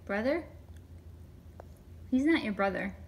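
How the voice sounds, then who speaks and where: A woman patiently coaxing a small child at home, asking simple questions in a gentle, sing-song way and prompting the child to repeat words after her. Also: on the high side, animated, slow, a little hiss or hum. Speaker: caregiver teaching a toddler. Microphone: hidden camera.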